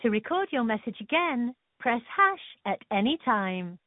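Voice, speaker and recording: Recorded voicemail lady on a thin dry phone line, clear bouncy prompts. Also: on the high side, very animated, normal speed, no room sound. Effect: heard over a landline phone. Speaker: automated voicemail system prompt.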